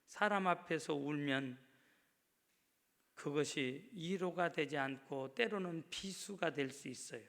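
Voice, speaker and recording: A male pastor delivers a sermon with a fairly high-pitched voice, pressing his points through repetition. His prayers are acted out more softly. The sound carries the long reverb of a church sanctuary.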